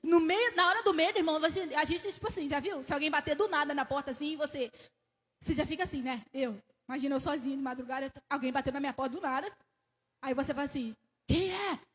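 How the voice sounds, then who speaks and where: Brazilian woman preacher, high voice, gets excited telling the story, long church echo. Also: fast. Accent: Brazilian Portuguese. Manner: animated storytelling, rising excitedly, asking the congregation questions; laughs between phrases. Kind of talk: sermon. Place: church sanctuary. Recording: church hall with long reverb.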